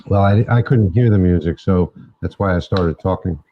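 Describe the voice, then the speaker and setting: A low-voiced man hosts a casual livestream from his home laser workshop, chatting at a moderate pace and thinking aloud. He wears a wireless clip-on mic, and the livestream audio is slightly muffled.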